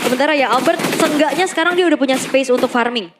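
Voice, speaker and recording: A woman's voice: sits high, quick pace. An Indonesian woman giving live commentary on an esports match as one of its casters. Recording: loud ambient arena noise behind. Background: loud venue noise.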